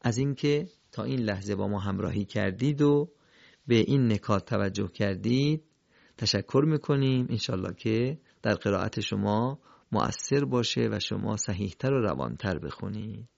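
A man with a gravelly voice leads a recitation lesson, asking questions and answering them himself. His delivery is patient and drilled. The sound is dry and a little dull. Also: fairly low pitch, lively intonation, a little mellow, no echo. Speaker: Quran recitation teacher. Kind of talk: instructional lesson.

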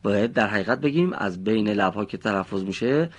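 This man's voice sits on the low side and is expressive. He is teaching children how to pronounce Quranic recitation letters, patiently and precisely, with frequent praise for his pupils.

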